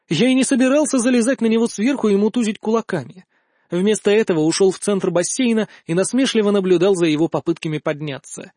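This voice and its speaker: A man narrating a first-person fantasy audiobook in a calm, wry manner. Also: sits high, no room sound, clean studio sound.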